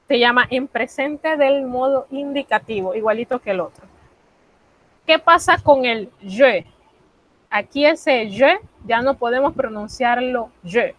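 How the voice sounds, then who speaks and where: Woman teacher explaining slow and patient, asks herself questions then answers, kinda high voice. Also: no echo, muffled recording. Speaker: French teacher. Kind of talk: recorded online class lesson.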